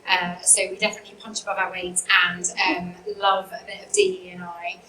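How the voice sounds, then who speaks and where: A woman's voice: on the low side, flat delivery, fairly quick, bright, forceful tone. A woman informally introducing herself as a speaker on a live panel. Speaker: panel speaker, agency founder. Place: live event room. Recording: echoey room, faint noise.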